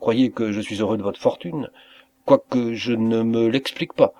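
A man's voice: medium pitch, moderate pace, lightly acted. Man voicing a kindly old bookseller. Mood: warm. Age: older. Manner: gentle, good-natured.

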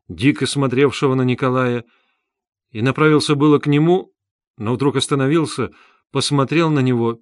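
A man narrating a classic novel in an even, measured reading. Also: mid-range voice, dry recording, clean studio sound. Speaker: audiobook narrator. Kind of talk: scripted narration.

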